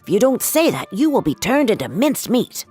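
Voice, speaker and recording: A woman's voice: a little high, very animated, normal speed, slightly rough, soft background music, voice pushed up, full character voice. A woman voicing a clever, scheming male cat in a storybook, bold and persuasive. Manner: pleading, then loud and commanding. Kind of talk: storybook reading.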